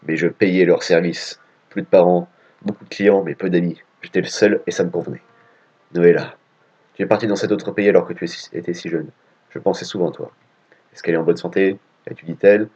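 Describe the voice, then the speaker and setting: A man's voice: a little mellow, slightly rough. A man doing a brooding stranded young hero. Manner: low, muttered reading. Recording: dull lo-fi audio with game music.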